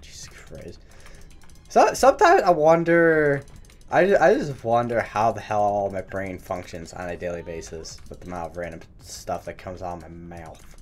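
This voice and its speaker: A man's voice: sits low, normal speed. A man giving casual, rambling gaming commentary while he builds, stumbling over his words and cursing mildly at his own mistakes. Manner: self-mocking, chatty. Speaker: gaming channel host. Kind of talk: live Minecraft building commentary.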